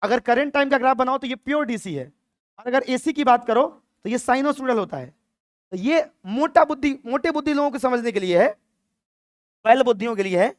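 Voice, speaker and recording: A man's voice: very high voice, dry recording, clean studio sound. Playful male physics teacher. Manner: playful, acts out dialogue lines in a mock-dramatic voice. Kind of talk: lively classroom lecture. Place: classroom with a board.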